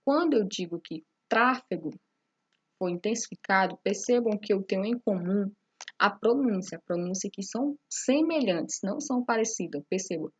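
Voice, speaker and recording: A woman's voice: medium pitch, slightly rough. A woman teacher explaining a lesson step by step, often checking in with her students. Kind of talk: recorded classroom lesson.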